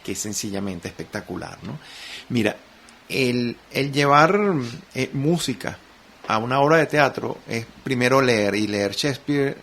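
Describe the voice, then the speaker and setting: Gravelly Venezuelan man telling stories. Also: medium pitch, unhurried. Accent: Caracas Venezuelan Spanish. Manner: reflective, animated storyteller, many restarts. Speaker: guest musician and sound artist. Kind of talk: radio interview conversation. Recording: faint noise, radio studio.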